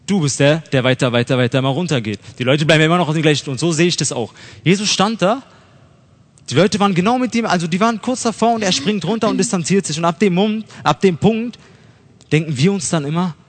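A man's voice: fairly high pitch, fast talker. A young man preaching a casual, conversational sermon, using slang and acting out people's thoughts. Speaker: lay preacher. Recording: long hall reverb.

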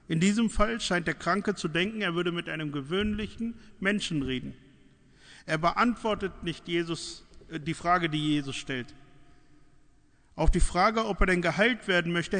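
A man preaching a sermon, emphatic, slowing down to repeat key lines. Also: sits high, a bit bright. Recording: long hall reverb.

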